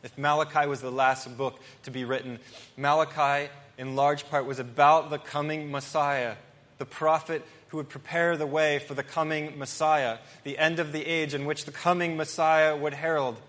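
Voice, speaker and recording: Man, pastor, sermon, earnest emphatic delivery, fairly high pitch, long reverb of a church hall. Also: flat delivery, a bit bright. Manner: earnest, emphatic preaching with pauses and restarts.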